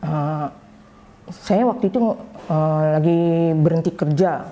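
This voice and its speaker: A woman telling her personal story, voicing the people in it with animated quoted dialogue. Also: low-pitched, slow, muffled recording. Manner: recounts with lively quoted dialogue. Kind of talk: personal testimony.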